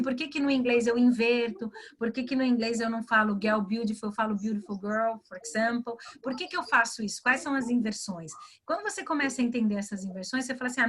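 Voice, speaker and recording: A fairly high-voiced woman from Brazil speaks as a mentor in an online webinar. She talks in a lively way, acts out little dialogues and keeps checking in with her listeners. The sound comes through a video call. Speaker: guest, career and English mentor. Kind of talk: explaining in a webinar chat.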